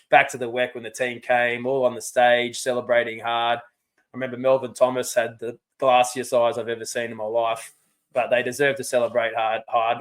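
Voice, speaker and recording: A man co-hosts a casual sports podcast. He tells fond stories at an even, middling pitch, and his heartfelt, nostalgic delivery carries through the chat. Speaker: podcast co-host.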